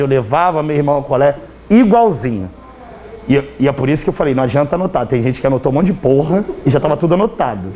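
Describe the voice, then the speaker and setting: Teaching grammar live, this Brazilian Portuguese-accented man has a fairly high pitch with a darkish tone and a slight hoarseness. He chats and teases his students, repeatedly making sure they follow along.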